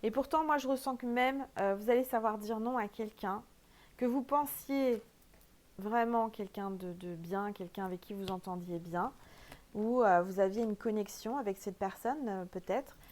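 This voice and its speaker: A woman's voice: medium pitch, normal speed, a little mellow. A woman with a French accent doing a casual spiritual oracle card reading, chatty and emphatic, with many fillers.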